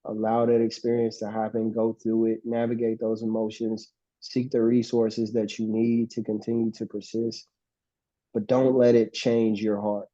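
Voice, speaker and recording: A man's voice: lowish voice, completely flat delivery, normal speed, mellow, dry recording. A man speaking as a guest to students, giving motivational advice in an earnest way that repeats his urgings. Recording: dull, dry, muffled mic.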